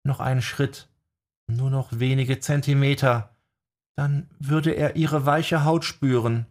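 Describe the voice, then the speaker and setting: Male audiobook narrator, slow, measured, dramatic storytelling. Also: mid-range voice, steady tone, darkish tone.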